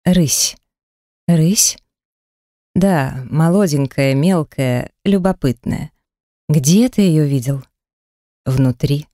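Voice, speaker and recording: A woman voicing a gruff, intense adult male shapeshifter lover in an audiobook, speaking low and breathily with a teasing edge. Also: takes it slowly, mellow, no room sound, clean studio sound. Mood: quiet. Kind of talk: audiobook character reading.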